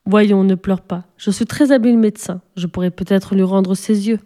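Woman as a gentle, firm storybook mother, warm, mellow tone. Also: medium pitch, fairly even intonation, normal speed, natural voice. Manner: patient, warning.

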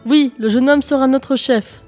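A woman's voice: high voice, lively intonation, brisk, a little mellow, faint music behind, pitched above the performer's own voice. A woman voicing a crowd of rescued villagers, chanting exultantly in a storybook reading. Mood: jubilant.

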